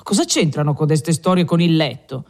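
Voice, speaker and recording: A man voicing a cheerful, boastful young male peasant in an audiobook, exclaiming loudly and with gusto. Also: on the high side, expressive, normal speed. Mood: jovial. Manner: exuberant, loud exclamations.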